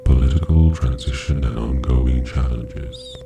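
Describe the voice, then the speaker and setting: Male narrator, very low and gravelly, unhurried and measured, recorded echoey and far off over music. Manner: measured, even reading with long pauses. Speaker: meditation narrator. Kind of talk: slow scripted narration. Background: music, singing bowl.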